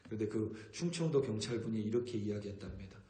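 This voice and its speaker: A man preaching an early-morning sermon as a pastor, earnest and growing forceful when he reads scripture aloud. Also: fairly low pitch, expressive, quick pace, roomy sound. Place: church sanctuary.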